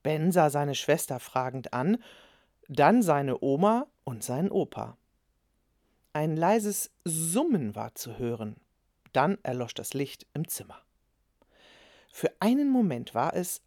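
A woman reading a children's story aloud with expressive storytelling. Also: deep voice, takes it slowly, no room sound, studio quality. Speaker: narrator.

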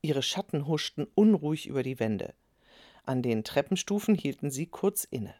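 Low-voiced lively storybook narrator, woman. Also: moderate pace, no room sound, clean studio sound. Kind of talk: storybook reading.

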